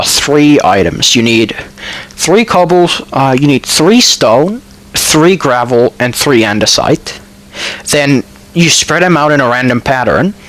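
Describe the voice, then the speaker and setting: The recording is rough as a Finnish gamer, whose first language is Finnish and whose accent shows it, gives a casual voice-over of what he's building. His voice is mid-range and fairly bright, and he wanders, hesitates with ums, fixes his own slips, and adds dry asides.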